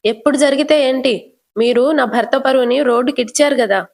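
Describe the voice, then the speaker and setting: A woman voicing a sharp-tongued older aunt who taunts and accuses in a scornful way. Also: sits high, brisk, creaky.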